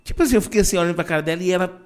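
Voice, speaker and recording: A man with a Brazilian Portuguese accent in casual opinion chat, emphatic and animated, often restarting his sentences. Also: sits high, racing, clean tone.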